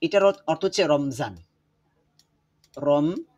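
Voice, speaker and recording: Man teaching over a video call, somewhat high voice, husky, repeats words slowly for the class. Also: animated, darkish tone, highs cut off. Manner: explains slowly, repeats words, drills pronunciation. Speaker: Quran teacher. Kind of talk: online class lecture.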